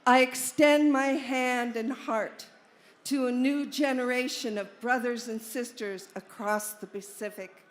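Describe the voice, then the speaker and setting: A woman's voice: a little high, steady tone, a little slow. A woman reading out a fiery revolutionary speech on a live stage, declamatory and rousing. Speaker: speaker reading a statement at an event.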